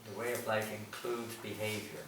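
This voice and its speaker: A man's voice: fairly low pitch, little pitch movement, normal speed, heavy background noise. A man from England giving a lecture through a translator, jovial and teasing his audience in a large hall. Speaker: visiting speaker. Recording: echoey hall from far off.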